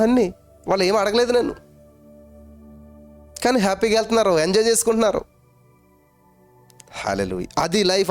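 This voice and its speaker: A man preaching a sermon as pastor, emphatic, repeating his phrases and firing rhetorical questions at his listeners. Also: a little high.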